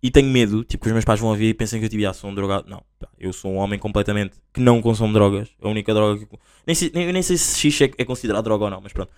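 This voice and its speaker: A young man with a European Portuguese accent hosting a solo podcast, rambling and slangy as he tells stories in a casual, animated way. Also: fairly low pitch, rapid-fire, clear, resonant tone. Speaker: podcast host.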